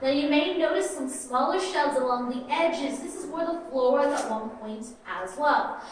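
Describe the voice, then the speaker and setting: A woman's voice: sits high, expressive, normal speed, background noise. A woman working as a cave tour guide, explaining things directly to a group of visitors, recorded inside a cavern on a distant microphone. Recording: echoing cave, voice far from mic.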